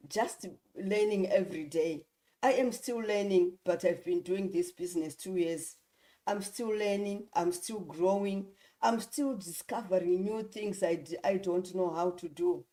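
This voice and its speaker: Mellow-voiced woman hosting a livestream. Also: lowish voice. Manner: earnest, repetitive encouragement. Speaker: livestream host. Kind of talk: promotional livestream talk.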